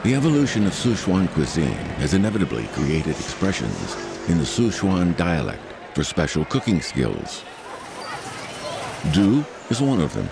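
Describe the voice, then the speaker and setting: A man's voice: low voice, wildly swooping pitch, moderate pace, vocal fry, background noise. A man reading scripted documentary narration as the narrator of a program. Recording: background music under narration. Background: music.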